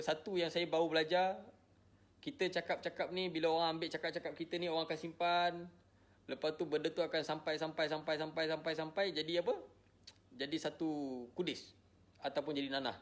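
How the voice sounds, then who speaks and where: A man's voice: on the high side, flat delivery, fairly quick. A married man from Malaysia speaking straight to his viewers, weary and defensive, repeating himself often. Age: adult, married with a child. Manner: repetitive, defensive, tired. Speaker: social media personality. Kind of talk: emotional direct-to-camera statement.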